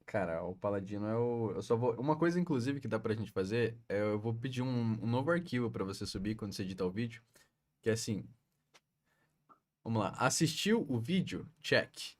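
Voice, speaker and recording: Pushy Brazilian man, lowish voice. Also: animated, fairly quick, darkish tone. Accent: Brazilian Portuguese. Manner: pushy, explains with slangy examples. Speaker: business owner directing his video editor. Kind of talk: casual work conversation. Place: workplace, with a colleague.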